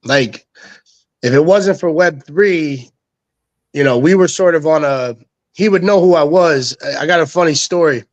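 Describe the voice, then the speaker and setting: A man's voice: a little high, normal speed, highs cut off. A young man, a guest telling loose, slangy stories and quoting people as he goes. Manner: loose, slangy, quotes others in voices. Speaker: guest, NFT co-founder. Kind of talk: casual storytelling.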